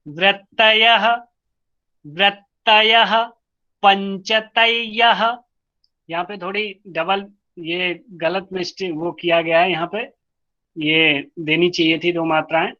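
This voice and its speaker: A man's voice: a little high, flat delivery, sharp tone, dull audio. A male yoga teacher leading an online class, chanting Sanskrit verses word by word and strictly correcting pronunciation. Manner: chants sutras slowly word by word, then explains quickly. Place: online class over video call.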